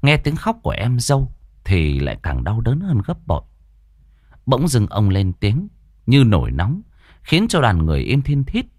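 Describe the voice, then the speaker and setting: A man's voice: mid-range voice, wildly swooping pitch, normal speed, a little mellow, no room sound, clean studio sound. A man narrating a ghost story in a dramatic, suspenseful way.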